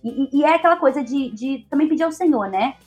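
A Brazilian woman in her twenties, appearing as an interview guest, tells her own story casually and chattily, often using tag questions. Her voice sits high, she talks fast with a Brazilian Portuguese accent, and soft music plays in the background.

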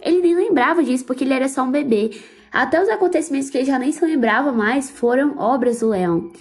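A woman's voice: sits high, fast. Fervent woman podcaster. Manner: fervent and heartfelt, religious exclamations. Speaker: podcast host. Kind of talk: emotional casual book commentary.

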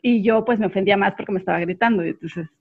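Woman, expressive storyteller, lively anecdotes, slightly dull lo-fi audio. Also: medium pitch, racing. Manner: expressive storyteller, laughs often. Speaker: guest sharing her experience. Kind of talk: casual group chat.

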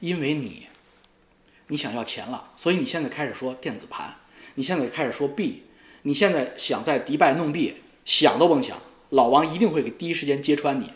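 A man's voice: medium pitch, expressive, brisk. A man in a profane, mocking monologue as a YouTube commentator, taunting a rival. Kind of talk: ranting monologue. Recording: roomy echo.

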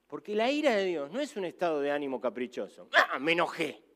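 A man in his fifties, a pastor with a Rioplatense Spanish accent, preaching a sermon and telling stories in an animated way, acting out voices. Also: fairly high pitch, fast talker. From Argentina. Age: 50s. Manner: animated storytelling, acts out voices.

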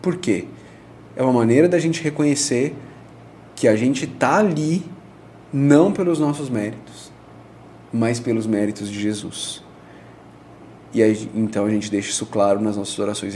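A man, a pastor explaining in a relaxed conversational way, using everyday examples and frequent tag questions. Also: mid-range voice, slight background noise. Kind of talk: conversational teaching on prayer.

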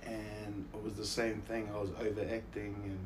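A man in his thirties with a broad New Zealand accent speaks in a lowish, level voice at a moderate pace over a noisy background. He's an actor and musician appearing as an interview guest, sharing anecdotes in a laid-back, slangy, self-deprecating way.

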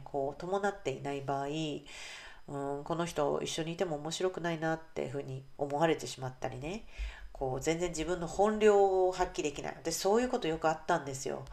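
Low-voiced woman hosting a chatty podcast. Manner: chatty, warm asides with frequent "ne" and fillers. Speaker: podcast host and English coach. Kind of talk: casual solo podcast talk.

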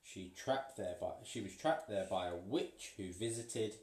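A man reading a picture book aloud to a child, playful and pausing so the child can finish sentences. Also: fairly low pitch, darkish tone. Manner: playful, pauses for the child to fill in words. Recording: roomy, from a distance.

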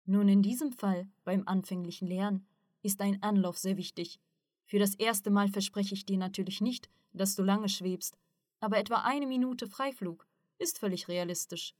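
A calm, learned male mentor, read by a woman narrating an audiobook explains things patiently in a steady, mid-pitched voice. The sound is dry and close. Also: normal speed, no room sound, lightly acted. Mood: explaining.

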